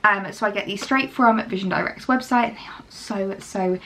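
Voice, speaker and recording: Young British woman vlogger, chatty and filler-heavy, a bit of early-morning gravel in the voice. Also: medium pitch, moderate pace, fairly bright tone, slight background noise. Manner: chatty, many ums and likes. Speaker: fashion influencer vlogger. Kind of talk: casual chatty sponsored vlog.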